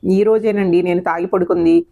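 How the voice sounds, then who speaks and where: A woman's voice: lowish voice, fairly even intonation, moderate pace, vocal fry, narrow, tinny audio. A woman voicing a young working man, hurt and earnest, pleading his side in an audio story. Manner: pleading, aggrieved.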